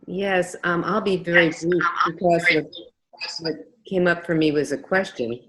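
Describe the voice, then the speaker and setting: A woman's voice: fairly low pitch, fairly even intonation, unhurried, noisy background. A woman taking part in a group voice call, her audio echoing as she hesitantly asks a brief question. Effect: echoing audio over a group voice call. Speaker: discussion circle participant. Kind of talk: group video call discussion.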